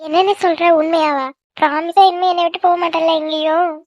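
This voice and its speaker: A woman voicing a sassy high-pitched cartoon village girl. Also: little pitch movement, darkish tone, dry recording, muffled recording. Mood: tearful, pleading. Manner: sassy, whiny, quick-tongued. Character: cheeky teenage village daughter, loves her brother. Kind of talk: cartoon voice acting.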